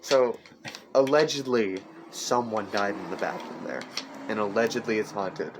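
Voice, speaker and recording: A young man in his teens hosting a casual podcast chat, rambling and halting with lots of fillers and restarts. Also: fairly low pitch, background noise. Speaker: podcast host. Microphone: amateur desk mic. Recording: clicks and table knocks near mic.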